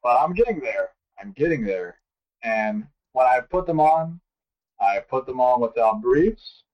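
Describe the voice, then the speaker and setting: A man co-hosting a podcast, telling a story in a relaxed way with hesitant fillers. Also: medium pitch, a little slow. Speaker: podcast co-host. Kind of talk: casual chat. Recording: distant, dull lo-fi sound.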